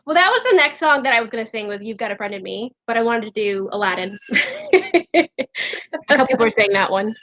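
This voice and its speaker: A woman's voice: on the high side, sing-song, a little fast, fairly bright tone, muffled recording. A woman chatting casually and playfully, laughing often and humming snatches of songs. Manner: giggly, playful, hums song lines. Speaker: co-host. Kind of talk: casual chat, singing snippets.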